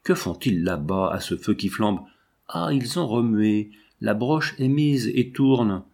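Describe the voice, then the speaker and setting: A man's voice: lowish voice, animated, takes it slowly, creaky, darkish tone, exaggerated voice. A man voicing a burly male farmer gripped by fear, speaking in a shaky, faltering way. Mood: terrified.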